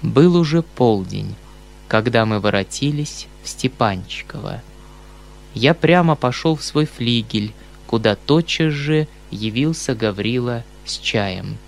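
A man narrating a classic novel in a measured, expressive storytelling voice. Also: medium pitch, gravelly, a little hiss or hum. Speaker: audiobook reader.

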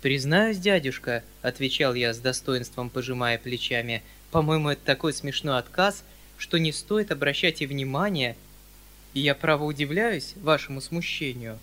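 Composed young scholar, bright clear tone, measured, read by a male narrator. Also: mid-range voice, lively intonation. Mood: dignified. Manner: measured, dignified. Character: dignified young scholarly nephew.

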